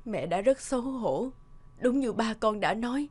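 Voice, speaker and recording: A tender, earnest mother from an animated family drama speaks at a measured pace. Her voice is fairly high, soft and sentimental, as if she's confiding a long-held regret to her son.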